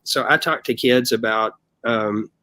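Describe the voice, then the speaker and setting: A man's voice: medium pitch, measured pace, no room sound, poor audio. A man telling stories in a casual interview, acting out quoted voices and often saying "man". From United States. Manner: animated storyteller, acts out quotes, says "man" often. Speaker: band member guest.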